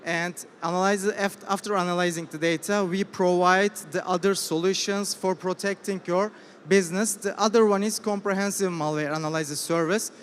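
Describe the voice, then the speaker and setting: A man with a Turkish accent presents a startup pitch in hesitant English. His voice is high for a man, and it rings through a big hall with long reverb. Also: steady tone, moderate pace. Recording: reverberant hall with faint noise.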